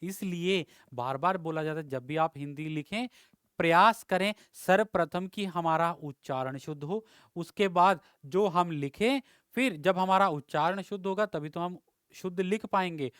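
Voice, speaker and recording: Smooth-voiced male Hindi teacher. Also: fairly high pitch, normal speed, fairly bright tone, no echo, studio quality. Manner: explains with repeated "ठीक है" checks and rhetorical questions. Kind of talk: exam-prep Hindi lesson.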